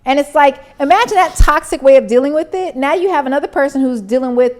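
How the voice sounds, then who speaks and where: A woman co-hosting a casual podcast, with a high, bright-sitting voice. She talks earnestly and circles her point, leaning on fillers. The delivery stays loose and conversational. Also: fast. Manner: chatty, filler-heavy, earnest. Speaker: podcast co-host. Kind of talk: casual chat.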